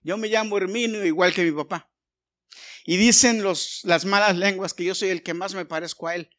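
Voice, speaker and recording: Higher-voiced man preaching a sermon. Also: steady tone, moderate pace, a bit bright. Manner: conversational preaching with personal stories, frequent restarts. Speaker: pastor.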